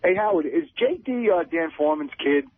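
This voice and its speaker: A man's voice: a little high, animated, fairly quick, a little hiss or hum. Casual male caller over a phone line. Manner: casual, gossipy. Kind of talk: call-in to talk radio.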